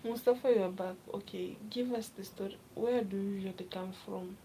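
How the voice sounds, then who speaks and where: A young woman from Kenya chatting casually on a live stream, reading viewer comments aloud and often dropping to a soft, half-whispered voice. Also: mid-range voice, steady tone, brisk, a little hiss or hum, low-quality recording. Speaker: livestreamer.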